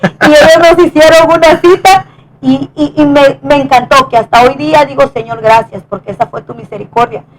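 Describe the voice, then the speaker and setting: A woman with a high voice recounts a personal testimony in an earnest, conversational way. She often stumbles and restarts her phrases as she speaks. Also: poor audio. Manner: earnest, halting with many restarts. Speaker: wife sharing testimony.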